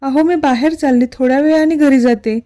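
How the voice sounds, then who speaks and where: A woman's voice: on the high side, moderate pace, mellow, close to an everyday voice. A woman voicing a playful young married student who coaxes and pouts. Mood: annoyed.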